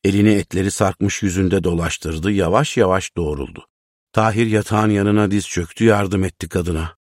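A man reading a short story aloud in a measured, unhurried way. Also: deep voice, steady tone, no room sound, studio quality. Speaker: narrator.

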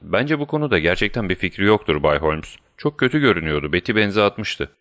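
A man voicing a humble, deferential male college servant who answers respectfully, in a deep voice. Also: very animated, fairly quick, fairly bright tone, dry recording, clean studio sound, heavily acted. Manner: respectful, says sir often.

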